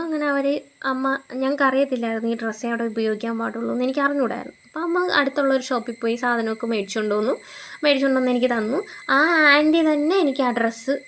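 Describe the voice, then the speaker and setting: A young woman, telling her own story in a relaxed, conversational way. She pauses on fillers and starts over now and then, and her voice sits a touch higher than most women's. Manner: conversational, frequent fillers and restarts. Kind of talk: casual personal storytelling.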